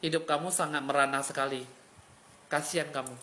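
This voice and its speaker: A man's voice: on the high side, steady tone, a little fast, sharp tone, a little hiss or hum. A man giving a live fortune reading as a spiritual fortune-teller, in a dramatic, pitying and emotional way.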